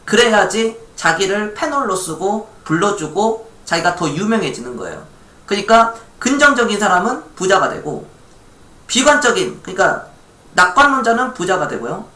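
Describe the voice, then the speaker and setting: Chatty Korean man, lively pitch, echoey room. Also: moderate pace. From Gwangju, South Korea. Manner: chatty, reads viewer chat aloud, laughs lightly. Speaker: stock investment streamer. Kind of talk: casual live-stream talk.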